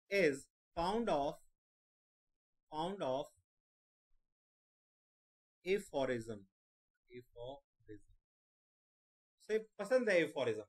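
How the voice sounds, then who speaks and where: Guy teaching exam vocab really slow, says each word again and again, spells it out. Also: on the high side, a bit bright. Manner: repeats words slowly, spells them letter by letter. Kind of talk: exam-prep vocabulary lesson.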